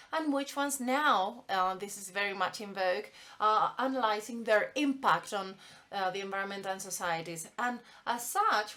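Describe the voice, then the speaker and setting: A woman provides live simultaneous interpretation of a conference welcome speech, frequently halting with fillers and restarts. Her voice is a little high with a sharp tone.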